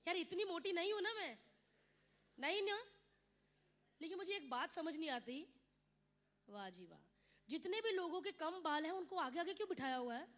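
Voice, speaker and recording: A woman's voice: extremely high pitch, lively intonation, moderate pace, pauses often, a bit bright. A woman from India performing live stand-up comedy, chatty and teasing the audience, acting out her mother and others in her stories.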